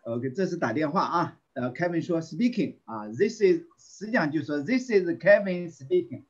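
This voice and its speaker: A man teaching a volunteer English class over an online call. He reads phrases slowly and repeats them, with many fillers and throat clearing. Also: a little high, animated, dull audio.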